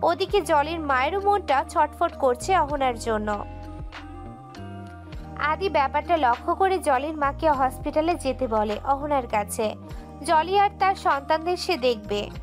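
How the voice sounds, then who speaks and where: A woman with a high voice narrates a romantic audio story, reading in an emotive and steady way. Faint background music plays under her narration.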